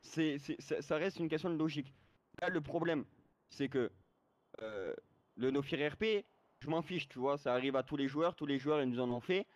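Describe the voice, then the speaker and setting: A man with a voice on the high side, a game server moderator, explains and argues in an online role-play chat. He lectures and frequently checks that he's understood, speaking at a moderate pace with no room sound.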